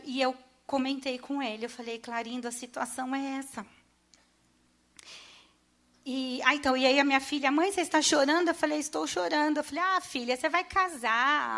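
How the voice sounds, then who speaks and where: A middle-aged woman from Brazil speaks in a fairly high voice as she gives her testimony to a church congregation. Her telling is emotional and halting, full of restarts and pauses as she relives the moments. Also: a bit bright. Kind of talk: personal testimony.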